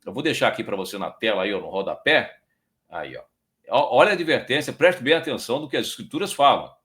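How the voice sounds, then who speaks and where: Brazilian male preacher, chatty Bible teacher, lively and expressive intonation. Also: mid-range voice. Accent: Brazilian Portuguese. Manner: conversational, frequent tag questions, slows down to read scripture. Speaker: preacher, program host.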